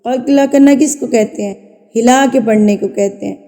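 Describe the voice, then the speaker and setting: A woman's voice: on the high side, mellow, in a large hall. A woman teaching a Quran recitation lesson in patient, methodical steps, asking herself questions, answering them, and repeating sounds to demonstrate. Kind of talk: step-by-step tajweed lesson.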